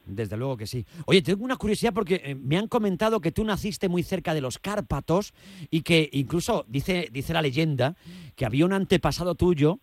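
Castilian guy hosting radio, kinda high voice, jokey chat, repeats himself, dry studio sound. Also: expressive, normal speed, no room sound. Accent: Castilian Spanish. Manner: jokey, repeats words for emphasis. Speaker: radio host. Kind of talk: chatty radio banter and interview.

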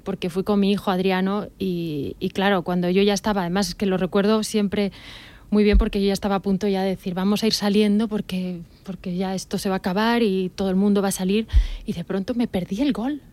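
A middle-aged woman from Spain sits in as a guest on a chat show. She tells her stories in a chatty, animated way. Her voice sits at a middle pitch. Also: fairly quick. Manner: chatty, warm storytelling with laughs. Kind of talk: casual chat.

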